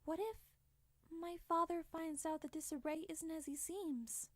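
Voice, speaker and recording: An actress playing a shy, kindly young pony princess in a cartoon fantasy, earnest and a little hesitant. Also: female voice, extremely high pitch, steady tone, a little slow, no room sound. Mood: flustered. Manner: soft-hearted, hesitant and earnest.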